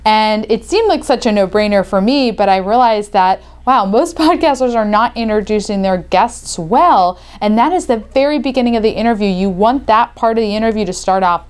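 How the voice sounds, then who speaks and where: A woman from the US, hosting her podcast show and giving energetic, chatty tips. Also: medium pitch, moderate pace, few pauses, clean tone. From Northeastern United States. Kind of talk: upbeat video tips talk to camera.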